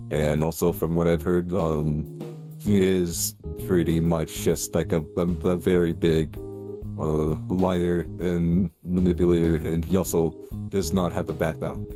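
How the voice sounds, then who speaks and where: A man speaking through a voice changer in a voice-chat debate, rambling with many fillers and restarts. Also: deep voice.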